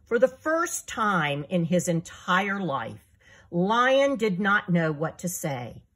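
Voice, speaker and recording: A woman reads her own children's story aloud in an expressive storyteller manner. Her pace is slow and her voice a little breathy. Her pitch moves in lively rises and falls. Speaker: author reading her book.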